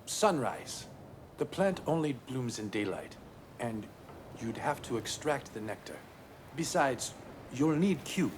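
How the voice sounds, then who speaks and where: Earnest, expressive male scientist. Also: mid-range voice, slow pace, noisy background. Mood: explaining. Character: ailing, earnest man who leads a laboratory. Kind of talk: video game voice acting.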